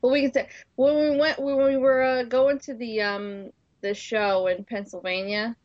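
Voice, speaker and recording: A woman's voice: a little high, flat delivery, normal speed, no room sound, muffled recording. A woman co-hosting a podcast in casual chat, talkative and teasing, often laughing. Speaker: podcast co-host.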